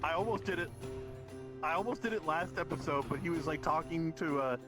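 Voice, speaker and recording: A man's voice: on the high side, brisk. Rambling man, music faint behind. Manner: relaxed and rambling, with hesitations. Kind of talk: casual chat among friends.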